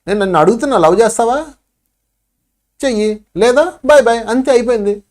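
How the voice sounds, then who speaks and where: A man's voice: extremely high pitch, brisk. A man with a Telugu accent giving a spiritual talk, acting out pleading voices to make his points. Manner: preachy, acts out pleading voices. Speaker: spiritual teacher.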